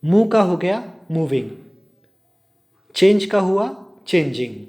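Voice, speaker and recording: A male polytechnic English lecturer with an Indian accent. He reads spelling rules out slowly in English and then explains them quickly in Hindi. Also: high voice, expressive, dark tone. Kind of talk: recorded classroom lecture.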